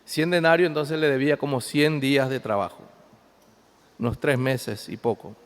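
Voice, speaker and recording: A pastor preaching a sermon, reading scripture aloud and explaining it, swinging between loud emphasis and quiet asides. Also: male voice, medium pitch, steady tone, moderate pace. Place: church. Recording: long hall reverb.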